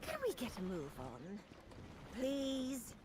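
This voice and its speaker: A woman's voice: on the high side, very animated, takes it slowly, background noise. A woman acting a bratty, impatient young pyromaniac in a video game, petulant, whiny and menacingly playful. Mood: bored, petulant.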